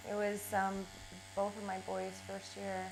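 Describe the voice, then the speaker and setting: Thirties mom, tattoo client, brief dry answers, mid-pitched voice, tattoo machine buzzing loud behind. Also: female voice, monotone, measured pace, vocal fry, background noise. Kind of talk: casual chat. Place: tattoo studio.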